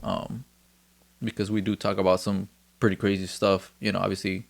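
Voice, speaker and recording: A man's voice: sits low, flat delivery, normal speed, vocal fry. A man hosting a casual, laid-back podcast, chatting and joking with a friend and swearing freely. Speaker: podcast host. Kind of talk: casual chat.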